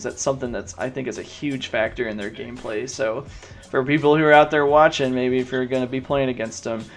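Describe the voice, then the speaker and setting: A man hosting and commentating a gaming tournament stream, chatty and joking with the live chat. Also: mid-range voice.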